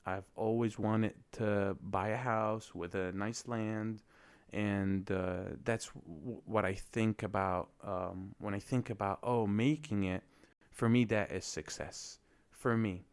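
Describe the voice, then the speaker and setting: A man's voice: lowish voice, steady tone, takes it slowly, clear, resonant tone. A young man from Lebanon hosting a solo podcast, talking in a reflective, hesitant way with many fillers. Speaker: podcast host.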